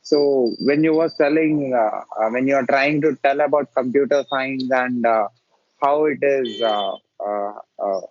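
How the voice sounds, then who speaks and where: A man with a mid-range, darkish voice hosts a casual interview podcast, speaking hesitantly with lots of filler sounds and restarts. The audio is dull, dry and lo-fi.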